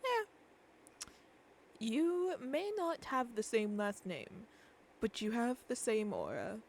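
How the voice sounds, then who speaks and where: A woman speaking in character for game role-play, her voice gravelly with fry. Her pitch swings widely from line to line, and she hesitates and restarts while hunting for the right word. A faint hiss sits under her voice. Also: big pitch swings, slow. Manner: hesitant, searches for words, restarts. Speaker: streamer playing a shopkeeper character.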